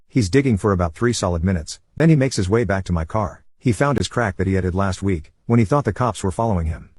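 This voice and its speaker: A man reading a first-person story aloud as a scripted narration, with a brisk and steady delivery. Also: lowish voice, husky, no echo.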